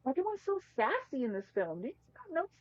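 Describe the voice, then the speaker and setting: A woman's voice: high voice, big pitch swings, fast talker, no echo. A woman co-hosting a podcast, reviewing a movie in an emphatic, slangy, casual chat. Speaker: podcast co-host. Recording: slightly muffled, dry mic.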